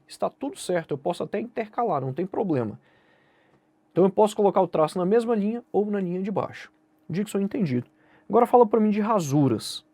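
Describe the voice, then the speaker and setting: Lively Brazilian man teaching exam rules. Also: sits high, dry recording. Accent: Brazilian Portuguese. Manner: direct, addresses viewer casually, asks and answers own questions. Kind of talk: online lesson explaining essay grading.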